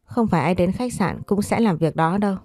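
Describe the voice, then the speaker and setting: A woman's voice: mid-range voice, fairly quick, a little mellow, dry recording, clean studio sound, natural voice. A woman voicing a teasing young man who keeps prodding with questions.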